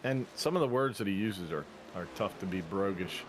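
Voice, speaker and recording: A man calling a race in casual play-by-play. He is chatty and jokey, with quick bursts of excitement. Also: deep voice, noisy background. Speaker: race commentator.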